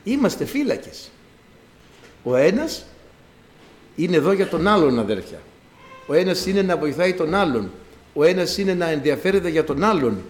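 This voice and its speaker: A man pastor preaching a sermon to his congregation, swinging between loud exclamations and hushed asides. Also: on the high side, sing-song, long pauses, roomy sound.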